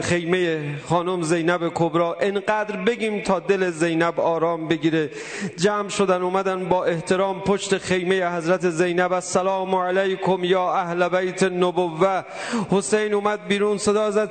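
A male preacher giving an emotive mourning sermon, moving between soft pleading and raised cries. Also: sits high, in a large hall.

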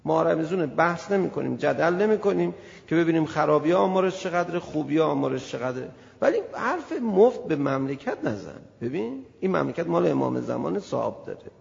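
High, gravelly-voiced man preaching. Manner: animated, acts out little scenes and voices. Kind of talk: colloquial sermon to a gathering. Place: hall with an audience. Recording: echoey hall, dull lo-fi sound.

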